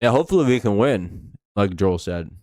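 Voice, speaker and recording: Low-voiced American man with whistling s. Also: expressive, normal speed, darkish tone, no echo, studio quality. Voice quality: slight lisp with whistling s from false teeth. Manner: rambling, profane, laid-back fan talk. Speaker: live stream sports host. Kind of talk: casual play-by-play commentary and chat.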